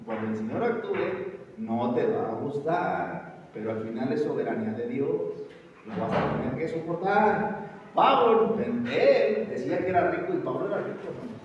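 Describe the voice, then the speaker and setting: Emphatic male preacher, fairly high voice, recorded from afar in a long-reverb church hall. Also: expressive, moderate pace. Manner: emphatic, asks the congregation questions, repeats "hermano". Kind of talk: sermon. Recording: echoey hall, distant mic, muffled and noisy.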